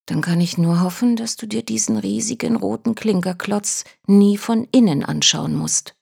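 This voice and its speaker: A woman voicing a wry, sensitive young woman who speaks dryly and quietly. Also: medium pitch, moderate pace, vocal fry, husky, pitched above the performer's own voice.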